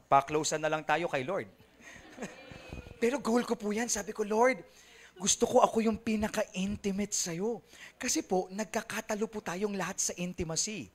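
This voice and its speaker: A young Filipino man preaches a sermon in a notably high voice. He keeps it funny, mixing Tagalog and English and acting out the people in the pews. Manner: humorous storyteller, acting out churchgoers; switches between Tagalog and English. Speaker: pastor.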